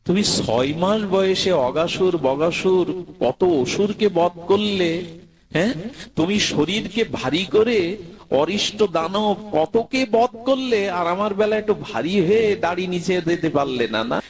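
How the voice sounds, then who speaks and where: A man's voice: sits high, animated, takes it slowly, voice pushed up, full character voice. A man voicing a blind old devotee who reproaches his god, hurt and pleading. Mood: reproachful. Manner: reproachful, rising to anguished pleading.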